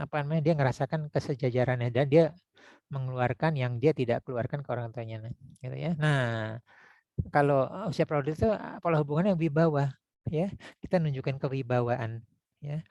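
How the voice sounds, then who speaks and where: A man teaching public speaking in a casual lecture, talking conversationally with frequent tag words and demonstrating deep and high vocal tones. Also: brisk, a little mellow, no room sound, highs cut off. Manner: conversational, frequent "ya" and "gitu ya" tags.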